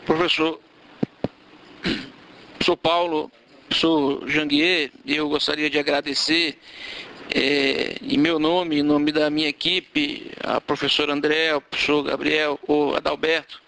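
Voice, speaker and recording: A man, apparently a government secretary, giving slow and gracious thanks to his team at a formal hearing. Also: a little high, little pitch movement, gravelly, sharp tone, low-quality recording. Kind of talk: formal thank-you remarks.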